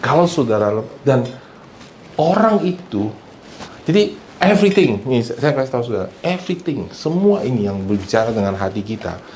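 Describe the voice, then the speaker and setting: A male pastor delivers a sermon at a middle pitch, slipping English phrases into his talk and calling on the congregation to answer. The room is reverberant, with a faint hum of noise behind him. At times he acts out the people he quotes, loud and shouting. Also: sing-song, normal speed. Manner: switches between Indonesian and English phrases, asks the congregation for responses. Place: church hall.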